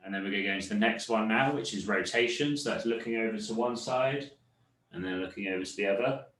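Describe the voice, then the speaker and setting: A man instructor guiding a seated fitness cool-down, explaining calmly and correcting himself as he goes. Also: fairly low pitch, quick pace, reverberant, a little hiss or hum, poor audio. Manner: calm, explanatory, self-correcting. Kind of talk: leading a seated cool-down class.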